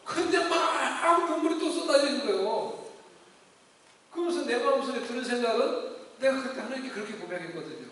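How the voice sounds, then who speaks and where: A middle-aged man preaching in a large church sanctuary, his unusually high voice carried from far off by the room. The long, echoing reverb of the hall hangs around each phrase as he turns a tender personal testimony into a fervent appeal. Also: lively intonation, brisk, a bit bright. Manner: emotional personal testimony building to fervent exhortation. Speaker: pastor. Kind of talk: sermon.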